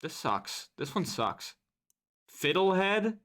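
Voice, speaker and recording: A young man streaming live, talking casually with a lively, bouncing pitch that swings up and down. He rants, swears freely and mutters asides into his microphone. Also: takes it slowly. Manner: animated, profane ranting. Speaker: livestreamer. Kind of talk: casual livestream commentary.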